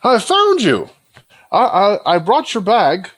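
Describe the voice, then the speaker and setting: A man voicing an eager, slightly halting servant who reports to his master in a tabletop game. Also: sits high, wildly swooping pitch, fairly bright tone, dry recording, voice pushed up, exaggerated voice. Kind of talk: tabletop role-play.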